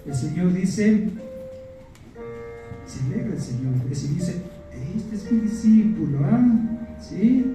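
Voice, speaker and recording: A pastor with a high voice and lively intonation earnestly preaches to his congregation, often asking them questions, speaking slowly with long pauses. The mic is far off in an echoey church hall, and faint music plays in the background.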